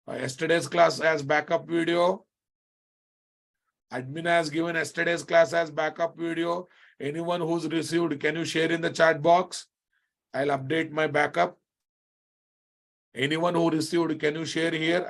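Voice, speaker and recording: A creaky, slightly high voice belongs to an Indian-accented programming instructor running a live online technical class. He keeps repeating key phrases and regularly asks whether his students are following.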